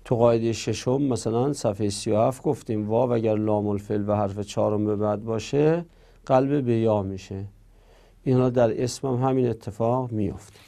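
Gravelly, mellow-voiced man teaching grammar. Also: on the low side. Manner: methodical, reads rules aloud then explains them. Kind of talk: grammar lesson.

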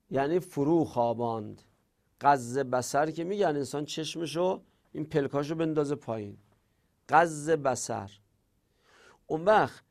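Gravelly male teacher explaining grammar. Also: medium pitch, darkish tone. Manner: explanatory, poses questions then answers them. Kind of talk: explaining Arabic grammar lesson.

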